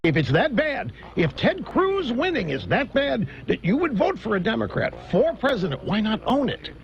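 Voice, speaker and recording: A man hosting a political talk radio show, delivering an animated, mocking monologue. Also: very high voice, normal speed. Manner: animated, mocking, mimics others in exaggerated voices. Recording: dull lo-fi radio broadcast.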